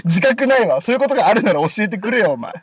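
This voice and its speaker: A man co-hosting a casual podcast, trading rough banter and laughing often. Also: sits high, big pitch swings, rapid-fire, dry recording, studio quality. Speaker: podcast co-host. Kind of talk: casual chat.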